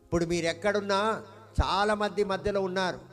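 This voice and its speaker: A man's voice: high voice, fairly even intonation, brisk, a bit bright, big-room sound, soft background music. A man preaching a sermon as pastor, stirring the congregation with questions and emphatic repetition.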